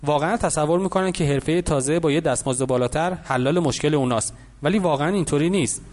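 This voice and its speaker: A man voicing a wealthy older businessman who calmly lectures a boy in an audiobook. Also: a little high, natural voice. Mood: lecturing. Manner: patient, instructive.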